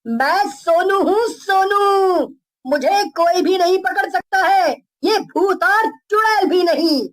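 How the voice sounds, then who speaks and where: A woman's voice: very high voice, slow. A woman voicing a clever, brave young boy hero in a cartoon story, plucky and defiant. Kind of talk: cartoon voice acting.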